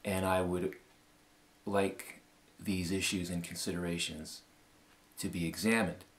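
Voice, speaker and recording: A Canadian man in his fifties giving a formal, measured appeal statement with many pauses and fillers. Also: low voice, level tone. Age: 50s. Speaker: law school applicant.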